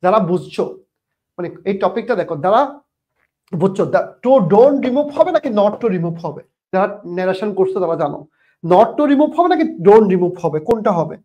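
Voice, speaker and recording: A man's voice: high voice, sing-song, normal speed, a little mellow. A man teaching English grammar in a casual online lecture, asking rhetorical questions and repeating his points. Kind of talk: online admission-prep lecture.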